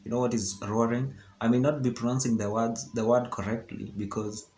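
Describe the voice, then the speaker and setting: A young Kenyan man, for whom English is a second language, speaks with a Kenyan accent in a medium-pitched, fairly even, brisk and slightly mellow voice. He's a vlogger explaining things in a chatty, casual educational style, often checking in with "okay? yeah". The recording has a roomy echo and faint background hiss.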